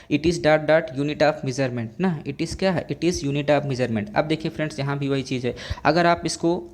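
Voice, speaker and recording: A young male teacher giving an exam-prep grammar lesson. He keeps asking the class questions, repeats answers slowly and calls his listeners friends. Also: on the high side.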